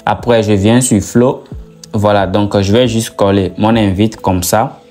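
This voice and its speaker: Male tutorial host, lowish voice, halting delivery full of fillers, faint music underneath. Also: fairly even intonation, a little mellow. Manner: hesitant, many "donc, euh" and "voilà" fillers. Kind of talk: screen-recorded software tutorial.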